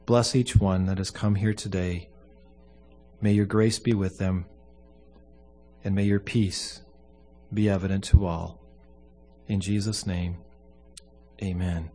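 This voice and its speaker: A man speaking as a pastor at a funeral service, giving a solemn, earnest prayer in measured short phrases. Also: sits low, fairly even intonation, mellow, a little hiss or hum.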